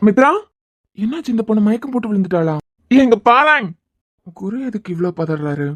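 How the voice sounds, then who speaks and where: For a cartoon web series, a woman voices an anxious young man tending to a girl who has fainted, sounding pleading and tender with a Kanyakumari Tamil accent. Her lightly acted, mellow mid-range voice is animated and fast.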